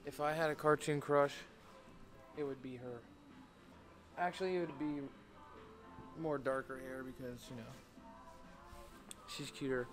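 A young American man vlogs casually to camera, joking around with playful, boastful slang, mostly inside a large party store. His mid-range voice is steady and measured, he pauses often, and soft music plays in the background.

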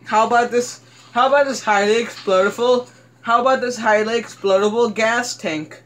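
A young man chatting and laughing excitedly while playing a video game with a friend. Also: very high-pitched, moderate pace. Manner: giggly, excitable, squeals on surprises. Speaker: gamer. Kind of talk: casual gameplay chat.

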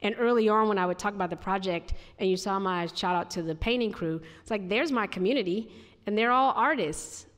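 A woman's voice: mid-range voice, fairly quick, fairly bright tone. A woman with a Chicago accent, an artist and architect, answering questions at a lecture podium in a thoughtful, self-correcting way. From United States. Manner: reflective, frequent restarts and "like". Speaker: visiting artist and architect giving a talk. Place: large auditorium, speaking at a podium. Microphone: podium microphone. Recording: hall reverb in a large auditorium.

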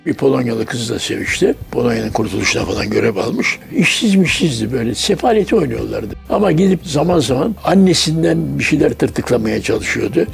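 An elderly man in his nineties, from Turkey, speaks in a documentary interview. His voice sits high for a man and carries a gravelly fry as he acts out the dialogue of the people in his stories. Soft music plays faintly behind him. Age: 90s. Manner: anecdotal storyteller who acts out quoted dialogue. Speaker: interviewee recalling his life.

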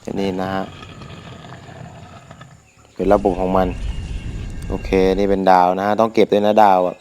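A man's voice: low voice, moderate pace, a little hiss or hum. A young man with a sore throat hosting his gaming channel, commenting casually and crudely as he plays, often talking to himself. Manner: crude, excitable, talks to himself while playing. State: sore throat, can't shout.

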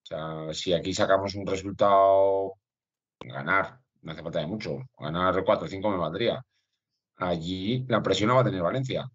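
A man on a sports panel giving measured, plain-spoken analysis. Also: low-pitched, no echo. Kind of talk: casual sports talk show. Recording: dry, dull video call audio.

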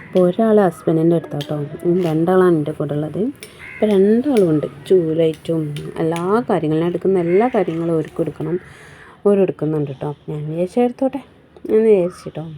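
A woman's voice: lowish voice, fast talker, dark tone, a little hiss or hum. A woman, chatting casually through a home vlog as a mother, with a cold that has changed her voice and a rambling style full of tag words.

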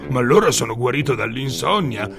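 Man playing a gravelly, blustering sultan. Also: lively intonation, a little fast. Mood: relieved. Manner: booming, indignant outbursts. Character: capricious, hot-tempered male sultan, loud and blustering. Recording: music bed under narration.

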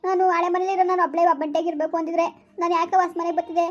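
A woman's voice: very high voice, little pitch movement, very fast, lo-fi sound. A woman acting a remorseful village stepmother who begs her stepdaughter to forgive her, in an amateur family drama. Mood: pleading. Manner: pleading, repetitive, rural colloquial speech.

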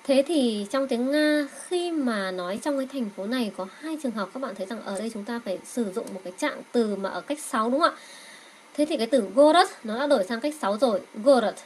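A woman with Vietnamese as her first language teaching a Russian grammar lesson, saying words slowly and repeating them so learners can echo. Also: a little high, lively intonation, slight background noise.

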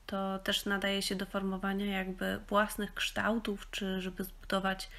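A young woman from Poland explaining craft materials in a casual tutorial voice-over, often pausing on small fillers as she goes. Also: mid-range voice, completely flat delivery, fairly bright tone.

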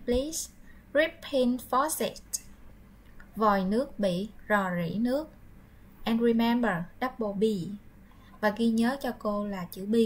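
A woman with a Vietnamese accent teaching English vocabulary, drilling each word slowly and explaining in Vietnamese. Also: on the high side, fairly bright tone, rough recording. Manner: slow, drilled pronunciation with repeated words.

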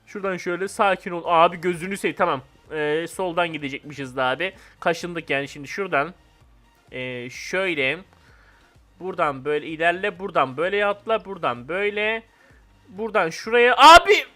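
A young man hosting his gaming channel, giving live commentary on a game, swinging between hyped shouting and calm muttering to himself. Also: high voice, brisk, faint music behind.

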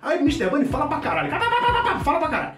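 A man playing a shouting Rio mechanic. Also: very high-pitched, big pitch swings, rapid-fire, vocal fry, exaggerated voice. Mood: boisterous. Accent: Carioca. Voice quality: shouting, swearing constantly, rambling. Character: loud brash slangy male mechanic, middle-aged. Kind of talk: comedy sketch monologue. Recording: echoey room, distant mic, faint music.

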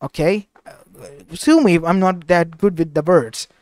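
Man voicing a goofy teen boy ninja, stammering, flustered, slightly high, dry sound. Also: moderate pace, darkish tone, no echo, lightly acted. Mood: defensive. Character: brash teenage boy ninja, cheeky and goofy.

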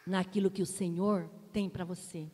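A woman in her forties with a Brazilian accent, preaching a sermon to her congregation and telling a personal story in an animated, direct way. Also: on the low side, normal speed, breathy edge. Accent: Brazilian Portuguese. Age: 40s. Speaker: pastor. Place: church hall. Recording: long hall reverb.

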